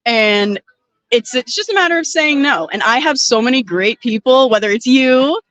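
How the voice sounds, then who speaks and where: Woman wrestler chatting on a podcast at a fest, a bit high voice, dry close sound. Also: lively intonation, normal speed, a bit bright, dry recording, poor audio. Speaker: wrestler and trainee. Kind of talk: casual podcast chat. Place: outdoor festival.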